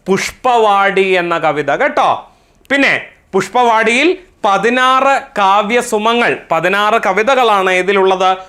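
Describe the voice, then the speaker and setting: A Malayali man giving an exam prep lecture in a high, ringing voice. He speaks slowly, chants verse in a lilting singsong, and often asks a question before answering it himself. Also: bright, forceful tone. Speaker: teacher.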